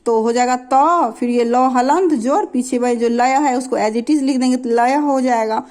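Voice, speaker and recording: A woman with a high voice teaches a grammar class. She explains slowly and patiently, walking through one example after another and often stopping to ask whether the students are following. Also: darkish tone. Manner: patient, repeats "है ना" to check understanding.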